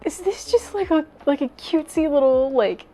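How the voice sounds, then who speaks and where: A woman's voice: sits high, lively intonation, moderate pace, dark tone, low-quality recording. A young adult woman doing a comedic reading of fanfiction, self-deprecating, sweary and exasperated as she reads aloud. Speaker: YouTuber.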